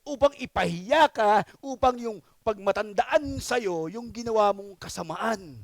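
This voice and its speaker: A male pastor with a very high, light voice delivers an emphatic sermon. He keeps checking in with his listeners as he goes. The sound is close and dry, with almost no room around it. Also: animated, measured pace, no echo. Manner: emphatic, checks in with the congregation often.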